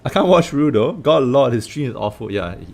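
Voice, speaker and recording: A man's voice: medium pitch, a little fast, creaky. A man from Singapore with a Singaporean English accent, giving loose, joking commentary on a game livestream, swearing and crying out often. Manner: animated, swearing, joking, frequent exclamations. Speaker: game streamer. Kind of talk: casual livestream gaming commentary.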